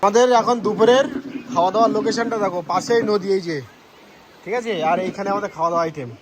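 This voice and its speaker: A man narrating a casual travel vlog outdoors by a mountain river, chatty and excited as he talks to his viewers. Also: high voice, fast, a crowd in the background. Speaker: travel vlogger.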